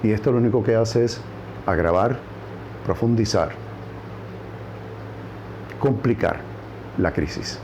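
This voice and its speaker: A man's voice: fairly low pitch, slow pace, pauses often, background noise. A man with a Puerto Rican accent giving political commentary on a news program, stressing points by repeating words. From Puerto Rico.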